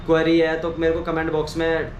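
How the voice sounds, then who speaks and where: This higher-pitched male voice is monotone and fairly quick, captured on a muffled recording with clearly noisy surroundings. The speaker, a video creator, explains an informal hands-on tutorial one step at a time, frequently going back over what he said.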